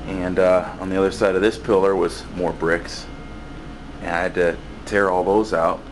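Speaking off screen into a handheld camera, a man who does building maintenance gives a casual, rambling walkaround tour of his cluttered basement workshop, full of fillers and restarts. His voice sits low, with a level tone and moderate pace. The recording is rough, with a little hiss or hum.

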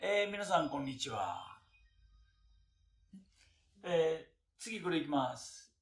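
An older man giving a chatty lecture on classical texts, asking rhetorical questions and pausing with fillers. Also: a little high, expressive. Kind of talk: casual lecture. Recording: roomy echo.

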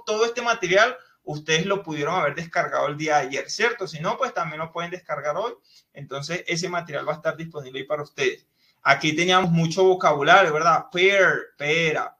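A man's voice: high voice, pushed and bright. A man teaching a live online English class in Spanish, explaining step by step and often checking in with questions.

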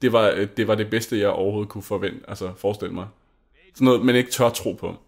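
A young Danish man with a lowish voice hosts a gaming channel. Over the gameplay he chats casually, in a rambling, gushing way that's packed with fillers and restarts.

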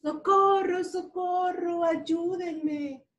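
A tiny, friendly blue truck from a children's storybook, squeaky and excited, as a woman voices it. The pitch jumps very high above her reading voice. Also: extremely slow, muffled recording, heavily acted. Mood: panicked. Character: small brave friendly little blue truck.

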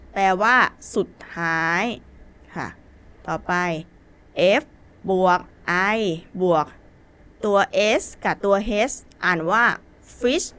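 Thai-accented woman teacher, unhurried, patient basic English lesson. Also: fairly low pitch, bright, forceful tone, clean tone. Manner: slow, patient spelling out of words letter by letter.

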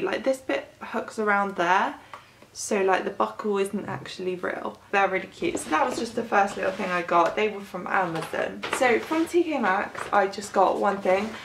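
A woman's voice: medium pitch, creaky, a bit bright. A British woman in her twenties chatting casually through a shopping haul as a vlogger, with a tired voice that is starting to give out. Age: 20s. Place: bedroom, indoors. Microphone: camera a short distance away. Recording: roomy echo, faint background noise.

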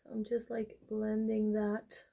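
A young adult woman, Dutch by first language, walks through a makeup tutorial in a small bedroom, rambling casually and using lots of fillers. Her medium-pitched voice is gravelly and warm, delivered completely flat and a little slowly.

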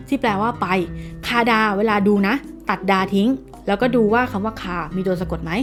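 A woman's voice: medium pitch, a little fast. A young adult woman giving a casual online language lesson, chatting straight to her viewers and calling herself by name. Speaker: Korean language teacher. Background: background music.

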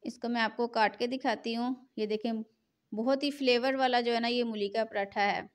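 Cooking host: middle-aged woman, fairly high voice, chatty and repetitive. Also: steady tone, moderate pace. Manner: chatty, repeats filler phrase "jo hai na". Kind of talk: cooking tutorial voice-over.

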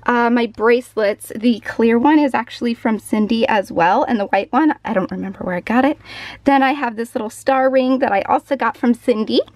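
A woman's voice: a little high, a little fast, a little mellow, no echo. A young woman chatting casually in a bubbly, gushing vlog style. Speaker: vlogger.

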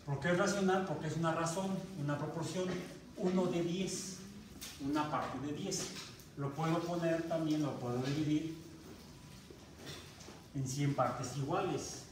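Mexican teacher in an echoey classroom. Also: male voice, on the high side, steady tone, measured pace, long pauses. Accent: Mexican Spanish. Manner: asks the class questions, restarts words. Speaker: university math teacher. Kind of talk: classroom lecture. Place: university classroom. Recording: very echoey classroom recorded from far off, noisy.

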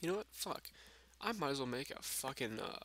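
With a mid-range, slightly bright voice, a drunk young vlogger talks briskly and swings his pitch widely, cursing and rambling without direction over gameplay. The makeshift substitute mic adds a little hiss or hum to the screen-capture voice-over.

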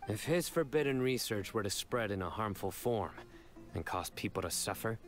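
A man voicing a grave, low-voiced official. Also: lively intonation, moderate pace, faint music behind, natural voice. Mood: stern.

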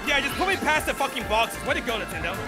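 Man, gaming banter, exclamatory, very high voice, loud game music. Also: quick pace. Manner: animated, exclamatory. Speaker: friend in the game.

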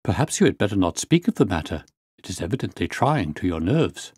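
Audiobook role: brisk, firm but courteous male doctor, lively intonation male reader acting it out. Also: low-pitched, husky, no room sound, studio quality, heavily acted. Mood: concerned. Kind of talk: audiobook character voice.

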